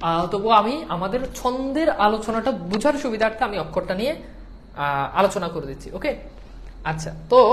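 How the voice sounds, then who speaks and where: A woman's voice: a little high, a little hiss or hum. A woman with a Bangladeshi Bengali accent teaching an online class, patient, repeating points and often checking whether students follow.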